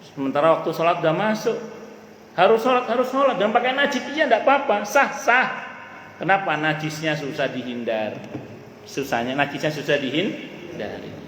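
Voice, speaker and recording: Lively preacher man with a lilt, echoey hall. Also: fairly high pitch, normal speed. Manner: lively, jokes with the audience, repeats key points. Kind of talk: religious study talk. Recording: echoey hall with faint room noise.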